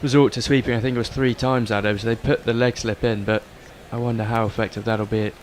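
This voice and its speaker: A man's voice: mid-range voice, steady tone, quick pace. A man giving conversational tactical analysis as a summariser on a cricket broadcast. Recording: clear outdoor background noise. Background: outdoor ambience of a cricket ground.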